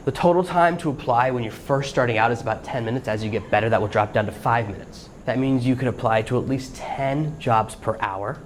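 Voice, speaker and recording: A man of middle pitch hosts a solo podcast, walking listeners through each step in a practical, coaching manner. His voice sits at an everyday register, with a faint hiss behind it.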